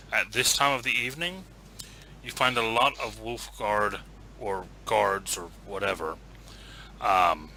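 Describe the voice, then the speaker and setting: A man's voice: fairly low pitch, sharp tone, slight background noise, poor audio. A man narrating as game master in a tabletop game, easygoing and hesitant, often saying "kind of".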